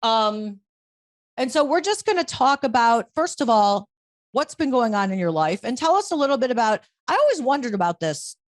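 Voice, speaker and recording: Lively, blunt woman podcast host. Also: on the high side, normal speed. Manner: lively, blunt, swears casually. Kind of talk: casual podcast chat.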